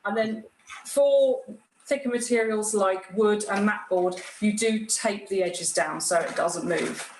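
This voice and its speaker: A woman explains things plainly in an informal hands-on demonstration. She has an average pitch, and her voice rings in a roomy, echoey space with clear noise behind it. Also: unhurried. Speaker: guest craftsperson demonstrating a cutting machine.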